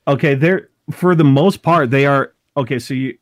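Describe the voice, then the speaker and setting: A man's voice: medium pitch, no echo, studio quality. A man in his thirties from Montana, co-hosting a casual talk show, often restarting and correcting himself as he goes. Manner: halting, many restarts and self-corrections. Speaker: podcast co-host. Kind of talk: casual chat.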